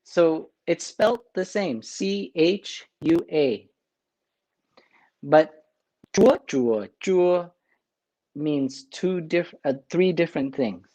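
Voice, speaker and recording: Slow-talking priest. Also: male voice, fairly high pitch, darkish tone, poor audio. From Vietnam. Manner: unhurried, chuckling, many filler pauses. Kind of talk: casual cooking demonstration.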